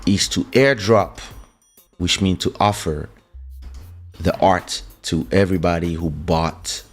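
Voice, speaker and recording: Faint music sits behind this slow, low-pitched man as he greets his livestream viewers loosely, restarting and using fillers. He's a musician from France with a French accent, streaming from his home in Portugal through a studio desk microphone.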